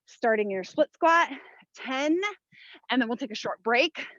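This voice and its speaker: A woman's voice: on the high side, lively intonation, measured pace, fairly bright tone, dry recording, dull audio. A woman leading a follow-along workout as a fitness instructor, giving motivational short commands and counts while exerting herself. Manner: exerting while talking, audible breaths and sighs.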